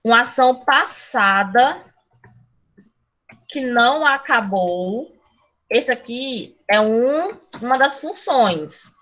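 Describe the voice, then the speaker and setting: A woman teaching Spanish in an online class, calling herself "a tia" in a teacherly, chatty way, speeding up when she gets excited and recorded on a computer mic. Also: a little high, slow.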